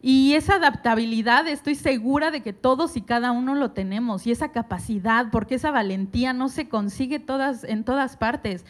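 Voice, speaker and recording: A woman's voice: on the high side, a little fast, few pauses. A woman from Mexico speaking on a panel to an audience, earnest and personal, addressing them directly.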